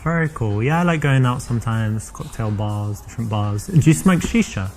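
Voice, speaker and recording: A London-accented man from England, working as a dating coach, speaks with a medium-pitched, expressive, slightly mellow voice at a moderate pace. He chats breezily before explaining his approach, using plenty of "you know" fillers, in a demonstration chat with coaching asides to camera.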